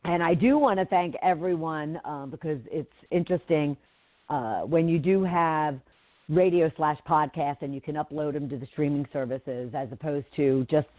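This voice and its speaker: A middle-aged woman hosts a live talk radio show, chatting casually at a moderate pace in a low voice that's slightly nasal, stuffed up from pollen. She uses lots of fillers and restarts. The recording is dry and comes through a tinny, phone-like line.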